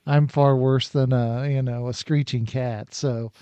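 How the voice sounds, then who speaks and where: A man's voice: mid-range voice, steady tone, a little slow, dark tone, clean tone, no echo, lo-fi sound. Hesitant self-deprecating man. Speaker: podcast panelist. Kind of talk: casual panel discussion.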